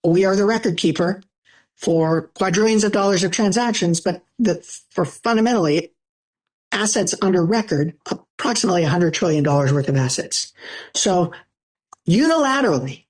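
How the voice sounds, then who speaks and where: A woman speaking as a financial executive, explaining the business in a measured, formal corporate manner. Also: on the low side, a little mellow.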